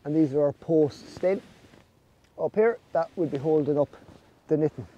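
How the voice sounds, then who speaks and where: An Irish snail farmer in his forties presents his farm vlog outdoors under netting, casually explaining farm jobs. His voice is on the high side with a dark tone at normal speed, and the audio has its highs cut off.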